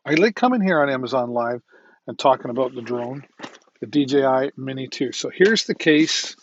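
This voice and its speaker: A man's voice: medium pitch, highs cut off, slight background noise. Chatty man demoing a drone on a livestream. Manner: rambling and chatty, with frequent ums and "right?". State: slightly losing his voice. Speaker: livestream shopping host. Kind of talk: casual product demo livestream.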